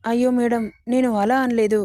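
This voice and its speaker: A woman voicing a guilt-ridden young married man in a narrated audio story, in her own fairly high, even voice. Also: moderate pace, no room sound, natural voice. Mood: apologetic.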